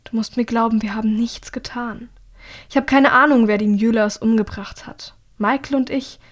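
A woman's voice: fairly high pitch, fairly even intonation, moderate pace, natural voice. Lady doing a pleading young woman in a storybook, whispery and urgent. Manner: hushed, often whispered pleading.

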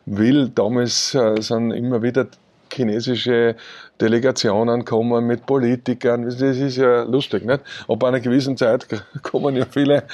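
A man's voice: medium pitch, darkish tone. A man with an Austrian accent, a chocolatier answering interview questions in a rambling way, with lots of fillers and chuckles. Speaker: chocolatier and company founder.

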